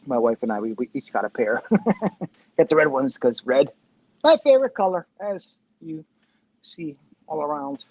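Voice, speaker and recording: A man in his fifties with a fairly high, animated voice hosts a casual livestream. He rambles, swears and pokes fun at himself. The sound is tinny and a little muffled, as from a wireless headset. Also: a little slow, pauses often, no room sound. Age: 50s. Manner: rambling, self-deprecating, profane. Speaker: host of a commentary show. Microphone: Bluetooth headphones' microphone.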